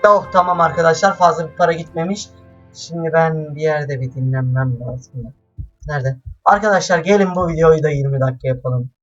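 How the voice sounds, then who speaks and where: A man doing casual let's-play commentary, chatty and excitable, swearing often and talking straight to his viewers. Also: a little high, brisk, highs cut off. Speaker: gameplay commentator. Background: faint game music.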